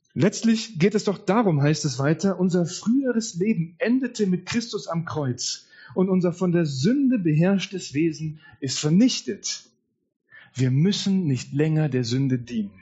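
A man's voice: on the high side, mellow, slightly rough, highs cut off. A man preaching an earnest, heartfelt Easter sermon in a church, telling his own story with quoted dialogue. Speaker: pastor.

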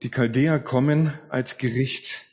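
A man preaching a sermon, speaking slowly and deliberately and acting out scripture quotes with rising emotion. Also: mid-range voice, fairly even intonation, darkish tone, breathy edge. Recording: dull lo-fi recording.

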